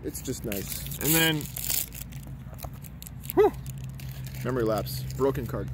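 A man casually commenting on opened cards, enthusiastic and quick with asides. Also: medium pitch, lively intonation, background noise. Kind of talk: casual card-opening chat.

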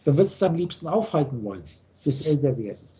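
A man's voice: fairly high pitch, very animated, fast, dark tone, slight background noise. A man teaching in a video call, blunt and preachy, firing off rhetorical questions. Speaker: spiritual teacher.

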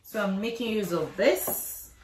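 A woman's voice: mid-range voice, unhurried, a little mellow. Brief: middle-aged woman, chatty home-cooking vlog narration, roomy kitchen sound with light background hiss. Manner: chatty step-by-step explaining. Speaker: cooking vlogger. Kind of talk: casual cooking demonstration. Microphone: camera across the kitchen. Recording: echoey kitchen, faint noise.

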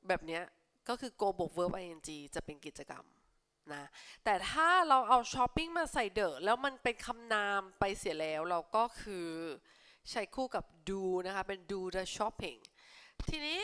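A young woman tutoring children for an English exam, reading English lines slowly and explaining them in a friendly, teacherly way. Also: medium pitch, animated, a bit bright, smooth. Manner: friendly teacherly tone, ends with polite particles. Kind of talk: exam answer walkthrough for young pupils.

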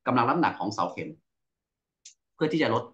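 A man's voice: mid-range voice, big pitch swings, a little fast, dull audio. A man working as an engineering expert, answering questions in a technical Q&A with lots of fillers and restarts. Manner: explains at length, with many fillers and restarts. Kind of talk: technical Q&A explanation.

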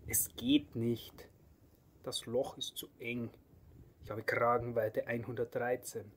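A man's voice: medium pitch, level tone, takes it slowly, slightly rough. Hieronymus, a vain collared bear, as a man reads him. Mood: fussy. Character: vain, sleepy, fussy younger male collared bear.

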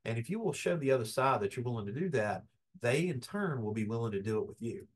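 A man's voice: medium pitch, fast talker. Folksy man teaching a workshop. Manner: folksy, animated, acts out quoted dialogue. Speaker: business workshop presenter. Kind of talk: lively workshop lecture.

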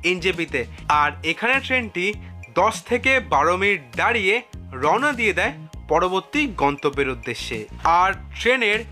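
A man reading scripted voice-over narration in an even, measured way. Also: high-pitched. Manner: even, measured, reads facts and figures.

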